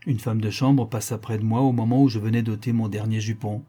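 A man narrating a classic novel as an audiobook, in a measured storytelling manner. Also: on the low side, little pitch movement, warm tone, husky.

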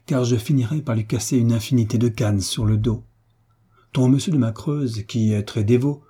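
A man voicing a carefree young nobleman who answers his mother calmly, tenderly and firmly. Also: medium pitch, breathy edge, natural voice. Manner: calm, tender, quietly defiant. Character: carefree young nobleman, gentle but firm son.

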